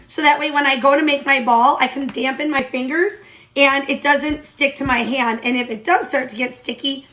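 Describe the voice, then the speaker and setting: A woman with a high voice and a blocked, nasal tone from allergies talks through each step of a recipe. She sounds chatty and upbeat, like a casual home cooking vlog. A faint hum of room noise sits underneath. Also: fairly bright tone. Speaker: home baking vlogger. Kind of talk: casual cooking tutorial chat.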